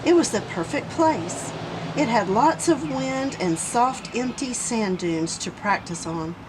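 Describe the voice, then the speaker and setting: A woman's voice: fairly high pitch, lively intonation, slow pace, noisy background. A woman voicing Taz, a boastful old male creature who tells a folksy story.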